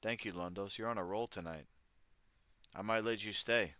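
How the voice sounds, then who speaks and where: A man's voice on the low side comes across bright, forceful and clean at a normal speed, with no room sound. As a livestream host, he reads news pieces aloud and riffs on them casually, aiming irreverent, wry asides at his chat.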